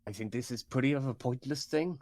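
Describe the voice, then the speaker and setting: A man's voice: medium pitch, brisk, darkish tone, no room sound, close to an everyday voice. A man voicing a big, dim-witted male orc with a Welsh accent, blunt and rambling. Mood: puzzled. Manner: blunt, rambling, puzzled questions.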